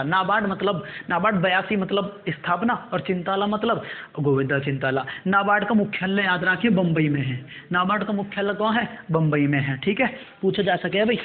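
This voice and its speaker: A male coaching teacher, dictating current affairs notes and repeating each term slowly. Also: sits high. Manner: repetitive, drills terms slowly for note-taking. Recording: tinny phone-like audio.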